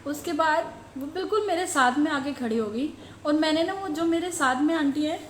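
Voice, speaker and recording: A middle-aged woman telling the congregation about a devotional dream, slow and halting as she searches for words. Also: high voice, slight background noise. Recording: roomy echo.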